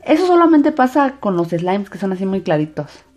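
A woman's voice: mid-range voice, big pitch swings, normal speed, darkish tone, dull audio. A woman narrating a hands-on craft video for children in an enthusiastic, sing-song way. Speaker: host of a slime craft channel. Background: background music.

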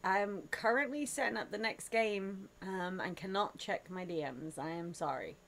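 A woman's voice: mid-range voice, moderate pace, a bit bright. A woman streamer chatting casually and teasing her co-hosts, often laughing. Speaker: streamer host.

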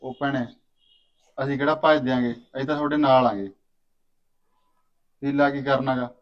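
A placating farmer brother, played by a man smooths things over in an easygoing mid-pitched voice with a Punjabi accent. The recording sounds dull and lo-fi. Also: fairly even intonation, normal speed, lightly acted. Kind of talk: village drama acting.

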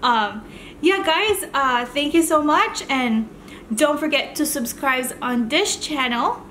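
A woman's voice: sits high, animated, slow pace, fairly bright tone, slight background noise. A woman hosting a mukbang video, chatting casually and rambling between bites of food. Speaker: mukbang channel host. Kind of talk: casual chat while eating on camera.

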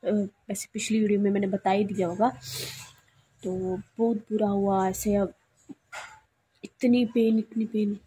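A young woman from Punjab, India, vlogging casually while unwell and short of sleep, talking quietly. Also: mid-range voice, little pitch movement, unhurried, long pauses, husky. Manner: soft, subdued talk, she speaks quietly. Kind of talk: casual vlog chat.

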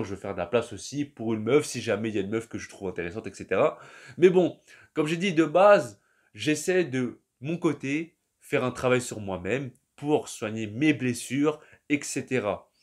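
A young man, talking casually and at length to his viewers in a loose, slangy monologue that often trails off. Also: mid-range voice. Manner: slangy, rambling, addresses the listener as "tu". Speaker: vlogger.

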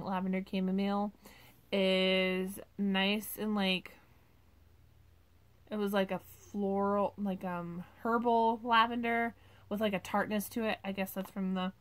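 A woman's voice: medium pitch, a little hiss or hum. A woman vlogger casually reviewing wax melts at home, chatty and gushing, with many ums and likes.

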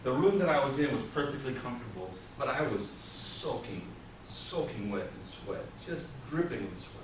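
At a public speaking club, a middle-aged male storytelling contestant spins a tall tale for his audience in an animated, mid-range voice, dramatic and deliberate, full of pauses and repeated lines. The setting is a small indoor meeting room with a whiteboard and listeners present. Recorded on a distant camera mic, the sound echoes around the room and is clearly noisy.

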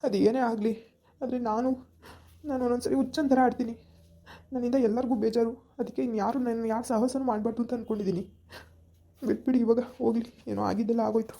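[name], a woman voicing a crying guilty young husband, halting stammered pleas, very dark mellow tone, rushed delivery, amateur village drama. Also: on the high side, fairly even intonation. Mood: tearful. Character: grieving young husband, guilt-ridden, fleeing.

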